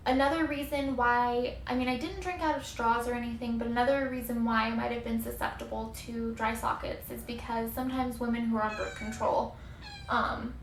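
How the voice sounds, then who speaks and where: A woman's voice: fairly high pitch, fairly even intonation, brisk. A woman telling a personal story casually to the camera, candid and conversational, with emphasis on how uncomfortable things were. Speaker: vlogger telling a recovery story. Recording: echoey room with faint background noise.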